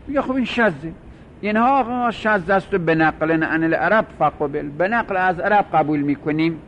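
Male teacher, grammar class, explains and quizzes students, faint noise behind. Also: on the high side. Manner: explaining and repeating terms, asking students questions. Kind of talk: Arabic grammar lesson. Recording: dull lo-fi recording.

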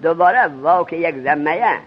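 A male religious teacher giving a seminary grammar lesson, quizzing his students with rapid questions. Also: fairly high pitch, animated. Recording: dull lo-fi recording.

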